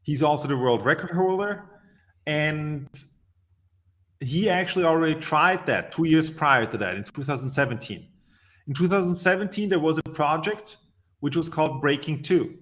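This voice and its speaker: A man from Austria, answering as an interview guest and telling stories emphatically with measured pauses. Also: fairly high pitch, fairly bright tone.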